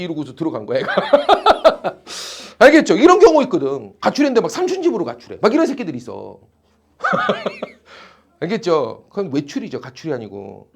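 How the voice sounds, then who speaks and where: High-pitched, animated male teacher. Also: moderate pace, creaky, slight background noise. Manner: animated, teasing, blunt slang with students. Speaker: academy teacher. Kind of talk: classroom lecture. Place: classroom.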